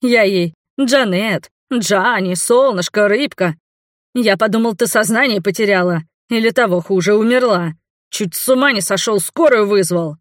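A woman's voice: mid-range voice, moderate pace, no echo, clean studio sound, lightly acted. A woman reading the part of an irritated, sarcastic young fiancé in an audiobook. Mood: furious. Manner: mocking, sarcastic. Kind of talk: audiobook character voice.

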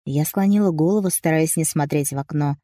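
A woman's voice: sits low, fairly quick, warm tone, no echo, clean studio sound. A woman narrating a first-person audiobook story with dramatic, emotional delivery.

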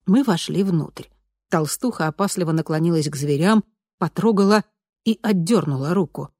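A woman reads a first-person audiobook in a calm, measured way with a slightly wry edge. Her voice sits on the low side, and the recording is dry and close with no room sound. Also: no echo. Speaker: audiobook narrator.

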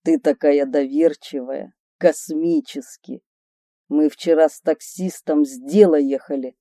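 A woman reading a boastful but tender male gang leader in slow, earnest, confiding tones. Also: sits low, steady tone, warm tone, no echo, studio quality, pitched below the performer's own voice.

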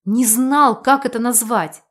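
A woman's voice: a little high, a little slow, a bit bright, pitched above the performer's own voice. Woman doing a young man, passionate, protective, earnest, audiobook. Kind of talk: audiobook character reading.

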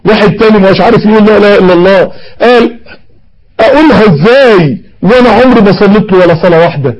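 Urgent high-pitched Egyptian preacher. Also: male voice, fast talker, a little mellow, dull audio. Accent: Egyptian Arabic. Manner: urgent, emotional preaching with rhetorical questions. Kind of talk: sermon.

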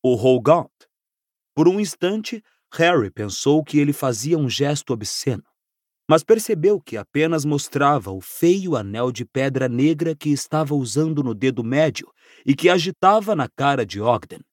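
A man reads a novel aloud with a lively, rising and falling delivery and a fairly high voice. His narration is dramatic and scripted, recorded close and dry. He leans into each scene as he tells it. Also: normal speed, no echo. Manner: expressive, dramatic storytelling. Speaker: audiobook narrator.

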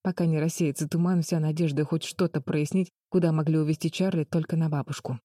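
A woman reading a children's adventure audiobook in a calm, measured way. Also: deep voice, no room sound, studio quality. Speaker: narrator. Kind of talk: scripted audiobook narration.

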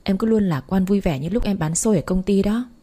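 A woman voicing a calm young man who gently reassures his girlfriend. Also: mid-range voice, brisk, natural voice. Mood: coaxing.

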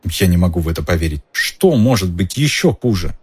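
A man voicing a chatty, curious middle-aged female innkeeper in a raised, softened voice, reading an audiobook. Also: deep voice, very animated, fairly quick, breathy edge, no room sound, heavily acted. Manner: gossipy, curious, lilting. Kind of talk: audiobook character voice.

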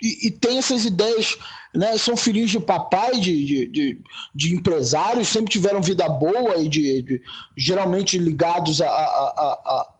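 A man from Brazil in a casual podcast discussion, talking in halting bursts with many restarts. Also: high voice, slightly rough, poor audio. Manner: halting, many repeated words and restarts, heated. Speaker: podcast co-host.

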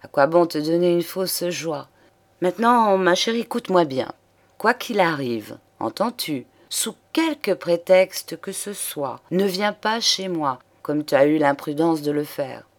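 A woman's voice: lowish voice, lively intonation, a little slow. Noël, a secretive young lawyer, read by a woman. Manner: evasive and firm. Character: secretive, uneasy male lawyer, young lover.

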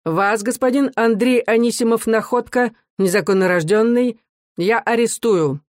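A reader doing a contemptuous gendarme officer for a storybook recording, barking cold, mocking orders. The voice sits higher and louder than the narration. The sound is dry and close, with no room echo. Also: moderate pace, close to an everyday voice. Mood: sneering commands.

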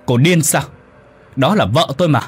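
A man voicing a dead husband's ghost who shouts stern rebukes in a told story. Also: mid-range voice, big pitch swings, moderate pace, slightly rough. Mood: angry.

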